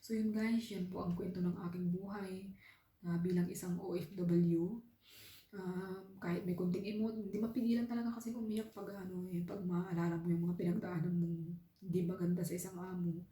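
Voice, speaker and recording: A Filipina domestic helper working abroad tells her own story in a casual vlog, her voice on the low side, steady, warm and at a moderate pace in an echoey room. Earnest and heartfelt, she often speaks straight to viewers, calling them "guys."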